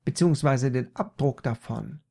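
A man voicing a dim-witted, whiny grown man in a comic spoken story, raising his voice high and loud. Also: moderate pace, vocal fry. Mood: indignant.

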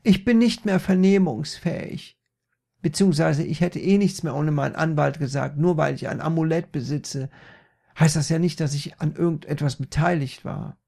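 A man voicing a dim-witted, whiny grown man in a comic spoken story, raising his voice high and loud. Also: moderate pace, creaky. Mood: wailing.

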